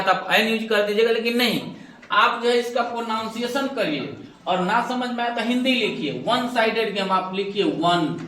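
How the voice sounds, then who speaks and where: A man's voice: sits high, bright, forceful tone. A man teaching an English grammar lesson step by step, asking questions and answering them himself, calling his students "babu". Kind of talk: classroom lesson explanation. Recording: echoey room, voice from a distance.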